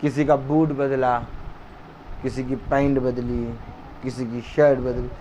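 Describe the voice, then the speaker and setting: A man preaching a fiery sermon at a home gathering, shouting and repeating lines for emphasis. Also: mid-range voice, flat delivery, slow pace, slight background noise, poor audio.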